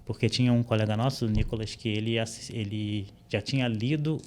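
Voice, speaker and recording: A Brazilian man with a somewhat low voice talks in a relaxed, explanatory way, full of small fillers. He is a podcast guest in a studio, recorded close on a studio microphone. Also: brisk. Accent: Brazilian Portuguese. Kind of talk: casual interview chat. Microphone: studio microphone with headphones.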